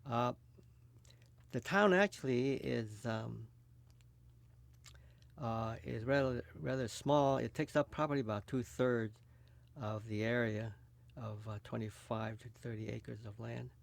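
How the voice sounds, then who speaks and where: A man in his eighties, from California, recalling his childhood for an oral history recording, halting often with fillers. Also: medium pitch, gravelly. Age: 80s. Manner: hesitant, many fillers. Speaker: interviewee. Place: recording booth.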